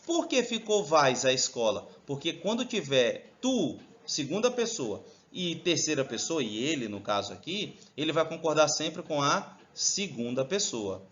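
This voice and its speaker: A man's voice: on the high side, very animated, a little slow, hardly any pauses, a bit bright. A man teaching a lesson, chatty and addressing his students directly with frequent check-ins. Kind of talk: lively classroom video lesson. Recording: dull lo-fi recording.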